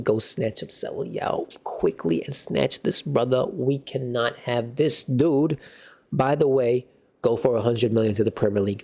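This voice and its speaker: Excitable guy ranting about a match, slangy banter, mellow dark voice. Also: medium pitch. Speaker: football fan channel host. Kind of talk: casual match reaction.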